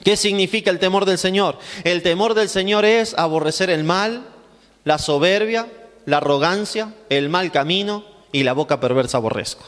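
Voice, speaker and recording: High-pitched preacher in an echoing hall. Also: male voice, moderate pace, fairly bright tone. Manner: asks rhetorical questions and answers them himself; emphatic, repeating phrases for stress. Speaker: pastor. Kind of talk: Bible class sermon. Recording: long hall reverb.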